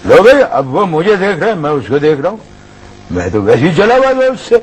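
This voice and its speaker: An actor playing a swaggering, middle-aged senior customs officer who tells a comic anecdote in character, acting out both sides of the quarrel. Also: male voice, a little high, sing-song, breathy edge, poor audio. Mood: boastful mocking.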